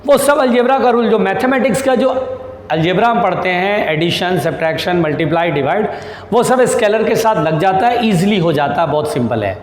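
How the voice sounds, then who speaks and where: A male physics teacher with a fairly high voice gives a patient lesson, slowly repeating each key term. He reassures his students and calls them "beta". The sound is roomy with a long reverb tail. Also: lively intonation, slight background noise. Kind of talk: classroom lecture.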